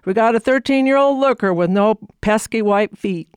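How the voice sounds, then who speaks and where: A man doing a loud chanting auctioneer. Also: high-pitched, clean tone, no echo, studio quality, voice pushed up, natural voice. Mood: chanting, coaxing. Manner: rapid rising auction chant. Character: brash fast-chanting male livestock auctioneer.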